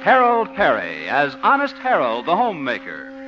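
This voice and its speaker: A man's voice: a little high, wildly swooping pitch, normal speed, over music. A man announcing and narrating a scripted 1950 radio show. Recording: muffled old radio recording.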